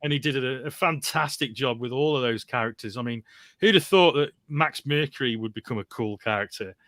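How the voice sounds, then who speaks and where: Bright-voiced enthusiastic man. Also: medium pitch, brisk, no room sound. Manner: enthusiastic, laughs often. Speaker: podcast co-host. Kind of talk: casual chat.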